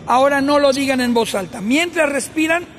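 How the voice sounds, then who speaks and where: A male coach with a Mexican Spanish accent leads a group through breathing drills in short commands. His voice sits very high for a man. Faint noise sits under him, picked up by a camera across the room. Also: lively intonation, fairly bright tone. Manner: short spoken commands with pauses. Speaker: sports coach.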